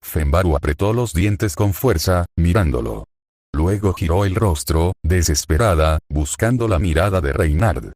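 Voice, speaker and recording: Sardonic male narrator for fan fiction; deep voice, dry booth sound. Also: measured pace, no echo. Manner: sardonic, even storytelling.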